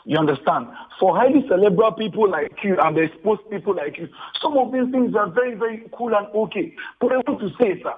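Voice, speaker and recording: A man's voice: high-pitched, brisk, few pauses, husky. A man with a Nigerian accent calling in to a radio talk show over the phone, speaking earnestly and repeating himself. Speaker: radio caller. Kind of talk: call-in comment. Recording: tinny phone line.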